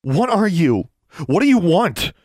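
A man's voice: high voice, very animated, fairly quick, no room sound, clean studio sound, voice pushed up. A man voicing a bold, determined young girl who speaks in a demanding, defiant way.

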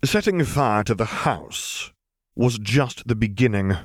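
A man voicing an exasperated male wizard who speaks dryly and sardonically at an unhurried pace, in a storybook reading. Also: lowish voice, animated, voice pushed up. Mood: sardonic. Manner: dry, sardonic, slow and measured.

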